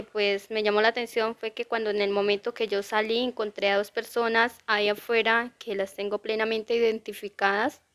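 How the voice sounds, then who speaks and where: A woman's voice: mid-range voice, fairly bright tone, smooth. A woman interviewed outdoors for a local news report, telling indignantly how her home was burgled. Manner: indignant, repetitive complaint. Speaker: burglary victim. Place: outdoors near a drainage channel.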